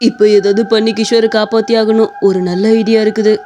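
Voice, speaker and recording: A woman's voice: medium pitch, level tone, brisk, mellow, slight background noise, natural voice. A woman voicing a brash young man, a bold uncle in a cartoon horror story, who argues and schemes. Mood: worried. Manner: brash, argumentative.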